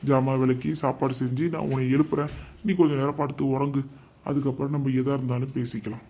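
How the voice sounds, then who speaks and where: A man's voice: medium pitch, flat delivery, quick pace, dark tone, lo-fi sound, lightly acted. A man voicing a harried young husband in a cartoon, pleading with his quarrelling mother and wife. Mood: soothing. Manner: pleading, placating, soothing. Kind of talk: cartoon comedy voice acting.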